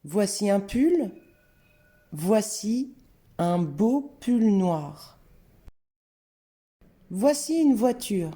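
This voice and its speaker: Woman teacher for a grammar lesson: slow, careful delivery, very warm dark tone. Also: medium pitch. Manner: slow, careful, clearly spelled-out word examples. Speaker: French teacher. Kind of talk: scripted lesson narration.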